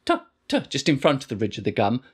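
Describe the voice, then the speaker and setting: A middle-aged man teaching didgeridoo techniques in a relaxed, rambling way, full of fillers and restarts. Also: mid-range voice, fast, husky. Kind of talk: casual instructional explanation.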